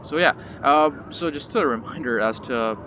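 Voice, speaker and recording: A man's voice: medium pitch, moderate pace, lo-fi sound, noisy background. A man hosting a gaming channel, talking casually over gameplay footage with lots of fillers and a mildly sarcastic edge.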